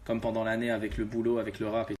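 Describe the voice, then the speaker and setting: A man's voice: lowish voice, monotone, quick pace, darkish tone. A young man from Algeria, a rapper, talking casually to his fans with laid-back street slang.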